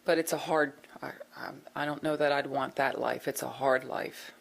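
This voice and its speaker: Low voiced middle aged lady on a town board, informal remarks, kinda searching for words. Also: steady tone, normal speed, creaky. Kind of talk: informal remarks at a public meeting. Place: public meeting room.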